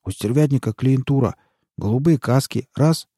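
A man's voice: mid-range voice, moderate pace, mellow, breathy edge, no room sound, clean studio sound, voice pushed up, natural voice. A man reading aloud and voicing a fawning, frightened male snitch who pleads and wheedles in folksy slang. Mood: wheedling.

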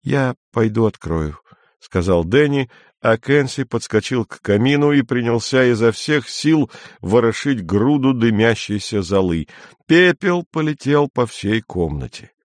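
A man's voice: mid-range voice, expressive, unhurried, no echo. Man narrating an audiobook, dry close sound. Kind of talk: scripted narration.

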